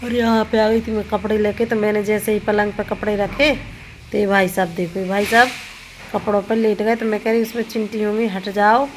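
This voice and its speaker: A woman's voice: medium pitch, flat delivery, a little fast, slight background noise. A woman in her thirties with a sore throat, chatting casually through a home vlog and often correcting herself as she goes about chores. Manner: chatty, rambling, self-correcting. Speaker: vlogger. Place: home kitchen and rooftop.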